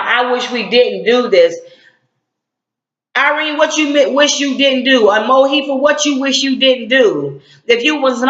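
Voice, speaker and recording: Middle-aged activist man ranting hard on camera, blunt and slangy, bright forceful high voice, echoey dull recording. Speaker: civil rights activist. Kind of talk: heated online rant.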